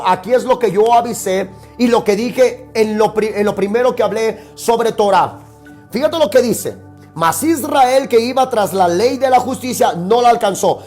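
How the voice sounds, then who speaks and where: A man's voice: high voice, a little mellow. A man preaching a sermon as pastor, emphatic, asking rhetorical questions and repeating key phrases.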